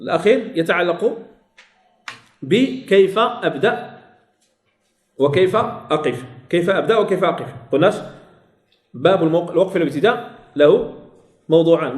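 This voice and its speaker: Male teacher, high animated voice, quizzes his class and repeats points, echoey classroom sound. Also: normal speed, long pauses. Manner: asks students questions and repeats key phrases. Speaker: Quran recitation teacher. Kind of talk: classroom lesson.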